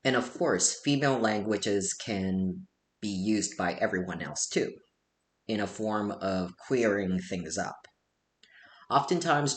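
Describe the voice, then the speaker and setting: A deep-voiced Japanese man, a native Japanese speaker, gives a casual spoken lecture as a presenter. His delivery is loose and conversational, peppered with "like," in an echoey room with a faint hiss.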